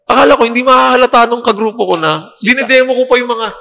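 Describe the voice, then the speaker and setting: Animated storytelling man, gravelly high voice. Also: fast, in a large hall, a little hiss or hum. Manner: animated, laughing, acts out quotes with curses. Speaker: podcast guest. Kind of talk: casual storytelling chat.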